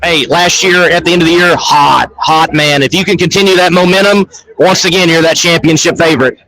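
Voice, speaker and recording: A man's voice: on the high side, brisk, bright, forceful tone, rough recording. A man hosting live on-site event coverage, chatty and upbeat, often repeating his phrases. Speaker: show host. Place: crowded shop fan fest.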